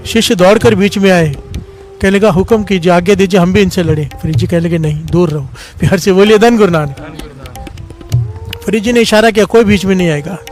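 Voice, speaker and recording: High-voiced man preaching with call-and-response. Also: a little fast, a little mellow, faint music behind. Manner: keeps prompting the congregation to answer, rising to impassioned pleading. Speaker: Sikh preacher. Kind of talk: storytelling sermon with call-and-response.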